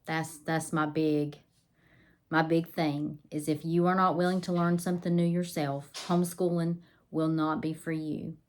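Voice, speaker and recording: A woman vlogs to camera about homeschooling, chatty and casual, with many ums and restarts. Her voice sits low with little pitch movement, a little slow and mellow, and pollen has made it a bit scratchy and nasal.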